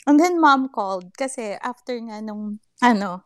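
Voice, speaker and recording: A woman's voice: a little high, expressive, a little slow, no room sound, studio quality. A woman co-hosting a podcast in casual chat, telling stories with frequent laughter. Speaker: podcast co-host.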